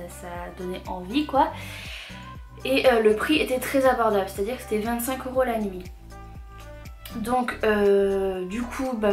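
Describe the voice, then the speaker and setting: A young adult woman tells a casual story in a halting, rambling way, her speech slightly impeded by a swollen tongue. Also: medium pitch. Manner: halting, rambling, with repeated self-corrections. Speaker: vlogger telling a personal story. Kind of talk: casual storytelling chat to camera. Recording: echoey room, music behind.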